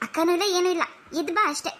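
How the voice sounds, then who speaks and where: A young cartoon wife with a very high voice. She talks in a firm, encouraging way, like a caring elder sister. A faint hiss sits behind her. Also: very fast, fairly bright tone.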